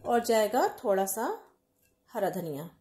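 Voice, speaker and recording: A woman hosting a home cooking channel, calmly explaining each recipe step to viewers in a voice-over. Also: medium pitch, unhurried, reverberant, soft background music. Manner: calm step-by-step explaining, addresses viewers directly. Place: home kitchen.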